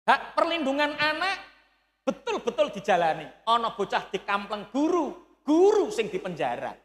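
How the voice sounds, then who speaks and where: A male preacher with a Javanese accent tells stories and jokes through his sermon, now and then breaking into loud acted-out shouts. His voice sits high for a man. The sound is roomy, with a long reverb from a large hall. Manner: storytelling with jokes, loud bursts when acting out shouts. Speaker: Islamic preacher. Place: large hall at a religious gathering.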